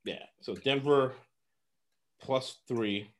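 A man's voice: mid-range voice, very slow. A man from Los Angeles giving casual sports betting picks, rambling and laughing often.

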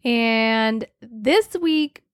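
Woman, podcast co-host, casual chat, dry close mic, slightly high pitch. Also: very slow, dry recording. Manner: laughing, teasing, conversational.

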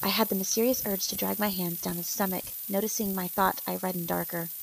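A woman's voice: mid-range voice, steady tone, a little fast, creaky, slight background noise, low-quality recording. A woman reading a first-person story aloud and speaking the characters' lines in nearly her own voice. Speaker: narrator.

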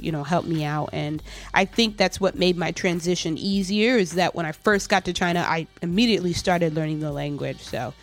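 A woman's voice: fairly low pitch, fairly quick, hardly any pauses. Easygoing woman host of a casual chat. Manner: laughs easily, relaxed, encouraging. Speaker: host, teacher.

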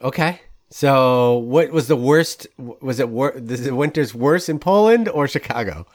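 A man's voice: mid-range voice, expressive, a little slow. A man hosting an interview podcast, enthusiastic and rambling, laughing often with his guest. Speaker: podcast host. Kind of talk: casual interview chat.

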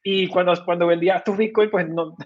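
Interviewed as a guest, this crypto company cofounder from Venezuela speaks with a Venezuelan Spanish accent in a high voice, fairly quick and fairly even in intonation. He gives long, conversational explanations with frequent fillers and restarts, in a muffled recording.

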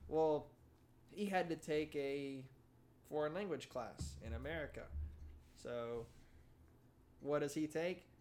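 A man's voice: a little high, slow pace, long pauses, a little mellow, slight background noise. A young man telling rambling, self-deprecating stories on a casual podcast. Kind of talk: casual storytelling.

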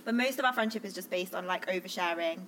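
A woman's voice: fairly low pitch, fast, a bit bright, slight background noise, poor audio. Chatty woman co-hosting a podcast. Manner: chatty, fills speech with "like". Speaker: podcast co-host. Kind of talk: casual chat.

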